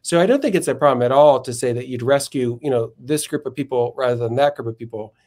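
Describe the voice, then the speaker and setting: A man in a podcast interview lays out philosophical arguments in a measured, step-by-step way, often stopping to correct himself mid-phrase. His voice sits at an ordinary middle pitch. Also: darkish tone. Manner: measured, methodical, frequent self-corrections. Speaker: philosophy professor guest.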